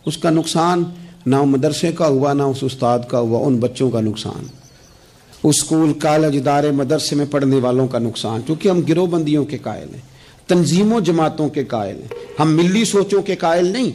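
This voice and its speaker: A man preaching a sermon, his voice pitched high above most men's. He speaks with passion, repeats his phrases for emphasis and lets his voice swell upward on the points he stresses. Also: darkish tone.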